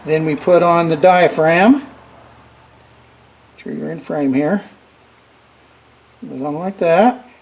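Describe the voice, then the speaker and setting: With rain drumming on the metal roof of a noisy indoor workshop, a middle-aged man explains a repair in a casual, hands-on way. He speaks slowly and haltingly in a fairly high, creaky, slightly mellow voice, captured by a camera mounted above the workbench.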